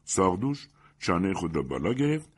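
A male storyteller with a very deep, husky voice and a lively, rising and falling delivery. He reads the narration expressively and changes his voice for each character. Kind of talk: storybook reading.

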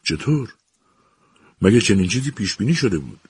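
A man's voice: low voice, lively intonation, fairly bright tone, slightly rough, no echo, full character voice. A man voicing a hesitant, uneasy professor in a storybook reading, stammering as he speaks.

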